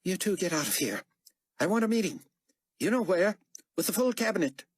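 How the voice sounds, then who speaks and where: A man's voice: high voice, very animated, quick pace, breathy edge, dry recording, studio quality, pitched above the performer's own voice, full character voice. A man voicing a bitter, imperious male world ruler who issues orders through clenched anger, in a raised, strained voice. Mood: commanding.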